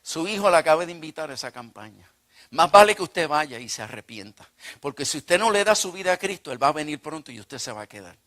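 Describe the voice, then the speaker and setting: Blunt, preachy plumber, as a man acts him out, bright and forceful. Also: medium pitch, rapid-fire, few pauses, lightly acted. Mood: warning. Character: blunt plumber warning a woman.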